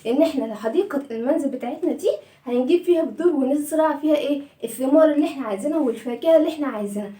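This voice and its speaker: A woman's voice: sits high, racing, distant mic, lightly acted. A woman with an Egyptian Arabic accent voicing a proud, kindly father praising his son in a children's story. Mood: pleased. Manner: warm storybook telling. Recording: echoey room.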